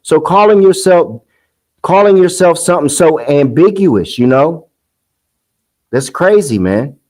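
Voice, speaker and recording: A man's voice: a little high, animated, unhurried, a little mellow, low-quality recording. A man hosting a casual commentary monologue, heated and scoffing, rambling with restarts. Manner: sing-song mocking quotes. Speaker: commentary host.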